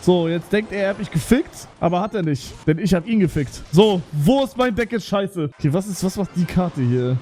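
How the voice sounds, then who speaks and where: A young man with a German accent streaming a game live, swearing and talking excitedly to his chat. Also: sits high, moderate pace, few pauses.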